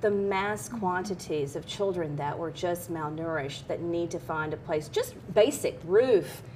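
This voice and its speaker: Speaking a little slowly in a slightly mellow voice, this middle-aged interview guest tells personal stories earnestly and candidly, as if just chatting. A low rumble and clear background noise sit under the recording.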